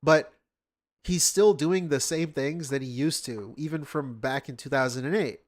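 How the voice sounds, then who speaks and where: A man's voice: mid-range voice, moderate pace. A man hosting a reaction stream, commenting sarcastically and scoffing at what he watches.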